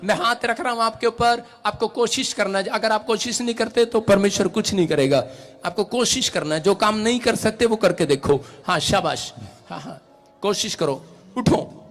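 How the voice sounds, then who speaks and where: A man, a pastor leading a healing service, urging and commanding people to rise and walk, breaking into repeated chanted syllables. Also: high voice. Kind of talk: urgent healing prayer and exhortation. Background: worship music.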